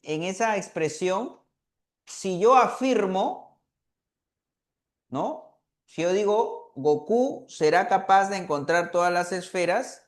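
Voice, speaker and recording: A man teaching an online language review class, often checking in with students and filling pauses with "eh". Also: high voice, echoey room. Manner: asks students questions, fills with "eh" and "¿ya?".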